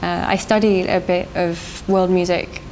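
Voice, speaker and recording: A woman's voice: lowish voice, level tone, a little slow, a little mellow, rough recording. A young woman from South Africa, a band singer, answering interview questions in a thoughtful, hesitant way with frequent laughs. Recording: faint background noise.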